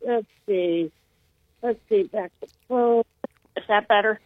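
A caller on a radio show, heard over the phone, who talks in a halting way and often repeats and restarts words. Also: mid-range voice, no echo. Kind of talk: call-in radio chat. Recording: tinny phone line, dry.

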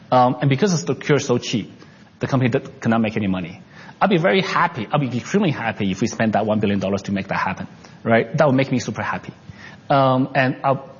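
A man from China, raised in Canada, talks as an entrepreneur and investor in an unscripted interview, his speech halting and heavy with fillers and restarts. His voice is mid-range and slightly rough, followed by a long reverb tail, and the audio sounds dull.

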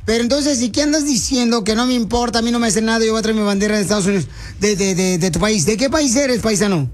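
A brash radio host with a very high voice for a man, teasing and needling his callers. Music runs faintly under his talk. He sounds loud, quick and combative.

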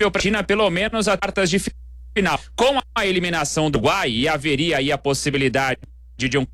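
A man's voice: a little high, a bit bright, no room sound. A man giving a live sports news report whose audio keeps freezing and breaking up over a bad connection. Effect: choppy, freezing audio from a breaking-up connection.

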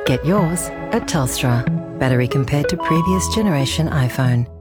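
A woman's voice: deep voice, lively intonation, moderate pace, over loud music. A woman reading a polished, scripted advertisement as an announcer. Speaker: commercial announcer.

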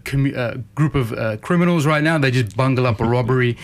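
Halting filmmaker guest. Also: male voice, mid-range voice. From Australia. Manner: halting, agreeable, many fillers. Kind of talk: casual radio interview.

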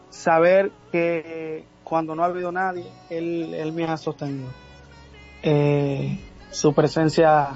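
Dominican male guest, halting speech, higher register, dull lo-fi recording. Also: a little mellow. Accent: Dominican Spanish. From Dominican Republic. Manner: halting, many filler sounds. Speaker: guest singer. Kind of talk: casual interview.

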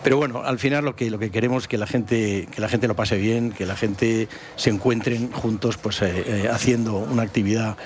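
Businessman from San Sebastián, lowish voice, halting with lots of restarts, faint hiss behind. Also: steady tone. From San Sebastián, Spain. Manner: hesitant, many restarts. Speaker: company founder. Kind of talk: interview answers.

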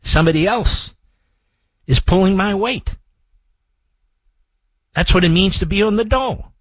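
An older American man hosts a political talk radio show from a radio studio, speaking into a close studio microphone. His voice is high-pitched and fairly bright, with a measured pace, and he sounds emphatic and combative, repeating phrases to hammer his point home. There's no room sound, though the recording is rough.

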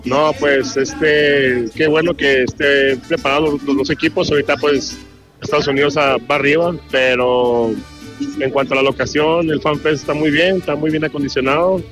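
Relaxed man outdoors. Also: on the high side, moderate pace, over music. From Chihuahua, Mexico. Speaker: interviewed fan. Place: outdoor fan festival plaza.

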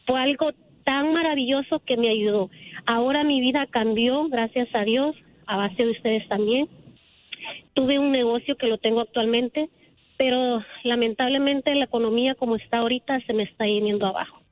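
A woman's voice: a little high, normal speed, no room sound. Woman calling in over a phone line. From El Salvador. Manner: earnest, talkative, emotional storytelling. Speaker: caller, salon owner. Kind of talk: casual phone-in chat.

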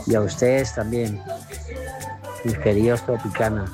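A man from Colombia calling in to a radio show to give slow, repetitive blessings. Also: on the low side, flat delivery, music in the background. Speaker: radio caller. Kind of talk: prayerful blessing over the radio.

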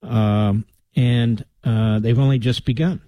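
Male talk radio host, blunt and emphatic, mid pitch, dry close studio mic. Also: fairly even intonation, takes it slowly, warm tone, dry recording, rough recording.

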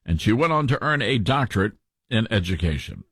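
A male talk radio host with a mild Southern American accent and a husky voice. His delivery is folksy and animated, with pitch that moves around a lot. The sound is dry and close, like a studio. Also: fairly quick, no room sound. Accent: mellowed Southern American. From Southern US, Tennessee. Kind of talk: conversational talk radio commentary.

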